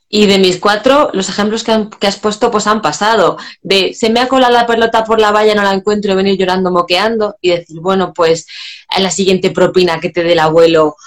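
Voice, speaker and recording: A woman and mother of four talking casually about her children, quoting what she says to them. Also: mid-range voice. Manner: anecdotal, quotes her own words. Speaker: professional speaking as a mother. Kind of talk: casual conversation.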